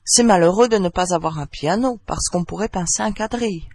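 Man doing a loud, jovial merchant. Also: sits high, a little fast, husky. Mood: merry. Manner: loud joking exclamations. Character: jovial boisterous middle-aged male wine merchant.

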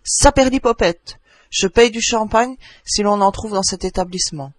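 Man doing a loud, jovial merchant. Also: high-pitched, moderate pace, no echo, studio quality. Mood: exuberant. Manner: loud joking exclamations. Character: jovial boisterous middle-aged male wine merchant.

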